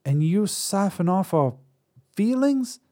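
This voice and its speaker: A man voicing a blunt, incredulous young woman with a high, raised voice. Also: sing-song, takes it slowly, dark tone, full character voice.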